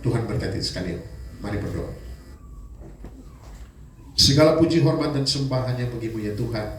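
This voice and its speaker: A male pastor preaching a sermon in a lively way, throwing out rhetorical questions to the congregation. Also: mid-range voice, normal speed, slight background noise. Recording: echoey church hall from far off.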